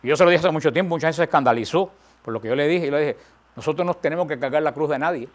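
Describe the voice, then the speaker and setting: A man's voice: a little high, rapid-fire. A man preaching a sermon, emphatic, rising and falling, repeating phrases for stress.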